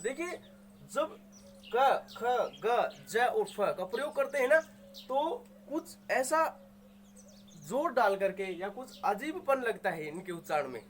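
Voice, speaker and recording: A man teaches a grammar lesson at an unhurried, deliberate pace, sounding each word out and saying it again. He poses questions and answers them himself. A faint hiss of background noise and some birdsong sit behind his voice. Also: extremely high pitch, big pitch swings, fairly bright tone. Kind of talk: explaining Hindi grammar to students.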